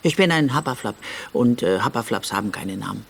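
A man's voice: medium pitch, expressive, brisk, gravelly, a bit bright, a little hiss or hum. A man voicing a shy, hesitant little male creature in a storybook reading. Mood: timid. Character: timid little mountain creature, young male.

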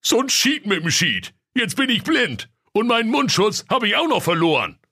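A man voicing a dim-witted young lover in a high, flustered falsetto with a northern German accent. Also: sing-song, moderate pace, bright, forceful tone, husky, full character voice. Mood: wailing.

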